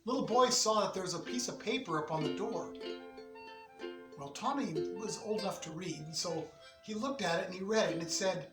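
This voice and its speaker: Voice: medium pitch, fairly quick, music in the background. Brief: chatty children's storyteller, improvised and folksy, echoey room, distant mic, ukulele playing. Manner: chatty, folksy, sing-song asides.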